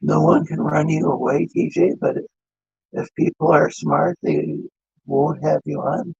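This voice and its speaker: A man calling in over his phone, his voice coming through glitchy and robotic-sounding, speaking in a halting, hesitant way. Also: on the high side, steady tone, creaky, darkish tone, husky, no echo. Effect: glitchy robotic metallic sound on his voice. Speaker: call-in guest on a voice chat show. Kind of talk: casual online chat. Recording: dull lo-fi phone call audio.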